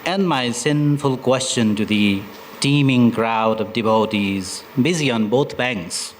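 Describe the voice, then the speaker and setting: A man from Nepal, a poet reading his poems at a literature festival, slow and deliberate, with hesitant asides between poems. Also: mid-range voice, a little hiss or hum, low-quality recording. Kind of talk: poetry recitation with spoken introductions.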